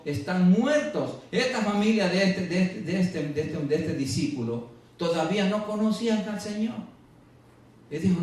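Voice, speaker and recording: A male preacher giving a sermon, slowing and rising in pitch to stress scripture, then dropping low. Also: darkish tone. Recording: echoey, distant church radio recording.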